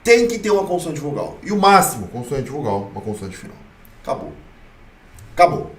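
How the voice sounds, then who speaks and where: A man's voice: medium pitch, sing-song, brisk, distant mic. A Brazilian man teaching an online Korean lesson, blunt and playful, repeating key points with emphasis. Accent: Brazilian Portuguese. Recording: echoey room, voice off-mic.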